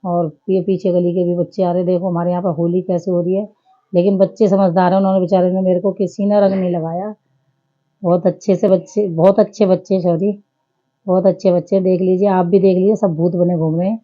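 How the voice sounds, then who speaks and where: A woman's voice: on the low side, level tone, fast talker, mellow, muffled recording. A woman in her thirties giving a chatty, homely running commentary over her family vlog. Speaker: family vlogger.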